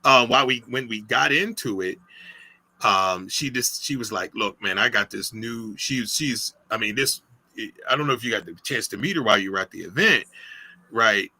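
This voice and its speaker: A man's voice: fairly low pitch, moderate pace, pushed and bright, poor audio. A middle-aged man guest on a podcast, telling a personal story in a casual, emotional way, with many restarts and acted quotes. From United States. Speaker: podcast guest, business founder.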